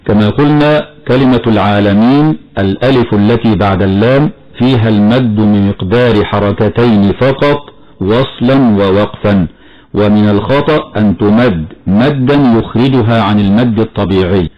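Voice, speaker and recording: A man teaches the rules of recitation in a low, measured voice. He works through each point methodically. The sound is dull and lo-fi, like an old radio broadcast. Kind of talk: radio tajweed lesson.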